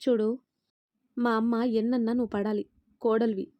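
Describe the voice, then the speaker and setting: A woman's voice: a little high, level tone, normal speed, mellow, natural voice. A woman voicing a proud married daughter in a spoken family story, reproachful and commanding. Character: proud married daughter, quick to defend her mother.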